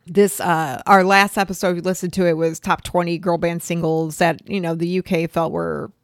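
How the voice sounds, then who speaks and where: A middle-aged woman from northern Illinois co-hosts a casual music podcast, animatedly retelling stories in a chatty way. Her voice is lowish and her pace normal. The sound is studio quality, with no room tone.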